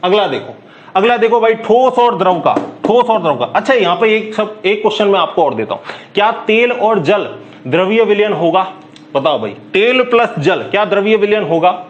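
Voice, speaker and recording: Brisk man teaching chemistry, high-pitched. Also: very animated, dull audio, a little hiss or hum. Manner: asks quick questions and answers them himself, coaxing; calls listeners "bhai", brisk and chatty. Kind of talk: classroom lecture.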